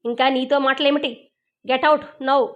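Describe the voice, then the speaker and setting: A woman voicing a lazy, sharp-tongued young working woman who answers with curt, dismissive retorts. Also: high voice, fairly even intonation, slow, lo-fi sound. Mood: contemptuous.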